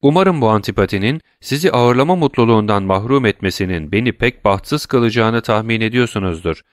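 A man's voice: lowish voice, lively intonation, brisk, no echo, studio quality, natural voice. A man reading an audiobook, voicing a composed, worldly count who speaks in elaborate, courtly phrases.

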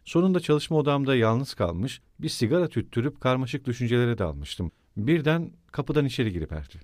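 A man's voice: medium pitch, very animated, brisk, darkish tone, no room sound, clean studio sound, natural voice. A man voicing a brooding, eerie, absent-minded middle-aged landowner in an audiobook reading, with a musing, rambling delivery.

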